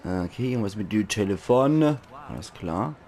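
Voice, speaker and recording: Man, Palatinate accent, hoarse, gaming commentary, chatty, enthusiastic. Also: lowish voice, expressive, moderate pace, a little mellow. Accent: Palatinate German. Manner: chatty, enthusiastic, laughs often. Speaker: let's play host.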